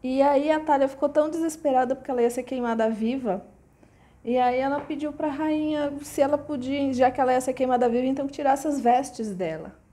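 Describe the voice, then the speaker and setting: A woman's voice: high-pitched, brisk, dark tone. Chatty Brazilian woman retelling a folk tale. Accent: Brazilian Portuguese. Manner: chatty and digressive, with frequent asides. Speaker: storyteller.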